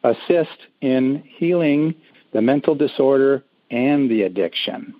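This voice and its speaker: A man's voice: mid-range voice, lively intonation, measured pace, dry recording. A man from Minnesota calling in to a radio show, speaking hesitantly and reading his question aloud over a phone line. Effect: radio show caller heard over a phone line. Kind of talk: call-in question to a spiritual healer. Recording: tinny, dry phone line.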